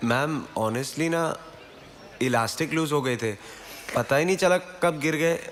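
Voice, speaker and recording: A man's voice: a little high, measured pace, a bit bright, a little hiss or hum. A young man playing a cheeky, whining student joker in casual comic film dialogue. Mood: mock innocent. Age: young adult.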